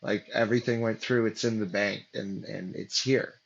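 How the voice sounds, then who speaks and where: A man's voice: fairly low pitch, fairly even intonation, normal speed, gravelly, lo-fi sound. A man as an interview guest, telling a story casually with many fillers and restarts, acting out what people said. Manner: rambling, many fillers and restarts, acts out quotes.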